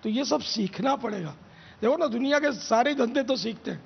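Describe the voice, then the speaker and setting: Brief: male religious teacher, high gravelly voice, patient lecturing, lo-fi dull broadcast sound. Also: lively intonation, big-room sound. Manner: drills pronunciation with slow drawn-out repetitions. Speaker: religious scholar answering questions. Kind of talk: religious question-and-answer teaching. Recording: dull lo-fi broadcast audio with faint hiss.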